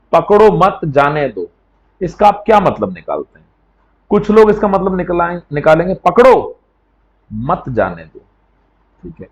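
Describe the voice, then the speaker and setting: A man teaching an exam coaching lecture in a conversational way, often checking with "right?" as he explains. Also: sits high.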